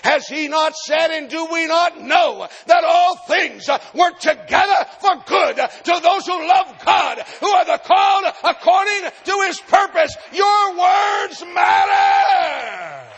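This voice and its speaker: Preaching live, this man in his sixties has a very high-pitched, animated voice and a slow pace, with a faint crowd audible. As pastor he builds rhythmic repeated phrases up into chanted shouting. The hall gives a long reverb, and soft music plays behind him.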